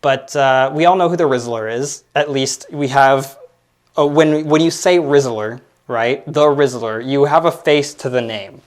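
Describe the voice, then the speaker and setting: A man's voice: mid-range voice, unhurried. A man in his late twenties hosting his own pop culture podcast, talking casually and rambling with lots of fillers and restarts. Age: 20s. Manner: rambling, filler-heavy, self-deprecating. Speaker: podcast host. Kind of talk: casual solo commentary.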